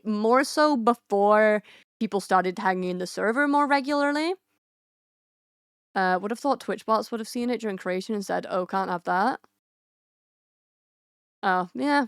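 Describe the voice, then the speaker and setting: A woman's voice: medium pitch, smooth, no echo. Woman streamer yapping to chat, lots of likes and restarts, clean dry mic. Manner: chatty and rambling, many fillers and restarts, laughs often. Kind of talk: casual chat with viewers.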